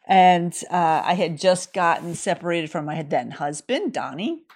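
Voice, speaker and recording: A woman's voice: lowish voice, expressive, unhurried, a little mellow. A Swedish-born woman in her forties telling her own story on a solo podcast, candid, acting out her own quotes, with a morning throat. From Sweden. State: morning throat, sipping coffee. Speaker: podcast host.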